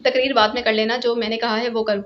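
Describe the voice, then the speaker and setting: A woman's voice: a little high, little pitch movement, natural voice. A woman voicing a stern male spy leader who barks curt orders, in a storybook reading. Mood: commanding. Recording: lo-fi, dull sound.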